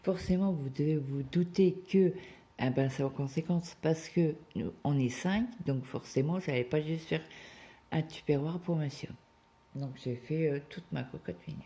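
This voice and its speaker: A woman at home talks casually while she works on her cross-stitch. Her voice is gravelly and mellow, and she rambles through her stories with plenty of asides. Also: sits low, moderate pace. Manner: rambling, chatty storytelling with many asides.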